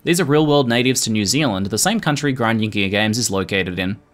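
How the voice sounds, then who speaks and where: A man reading scripted video narration in a measured, informative manner. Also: lowish voice, animated, fairly bright tone. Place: voice-over recording. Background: music.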